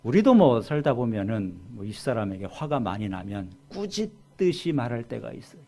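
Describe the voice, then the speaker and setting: A man preaching a sermon as pastor. He swings from loud, emphatic lines to low, quiet asides, slows down to stress key words, and asks the congregation questions. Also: very animated, gravelly. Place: church sanctuary.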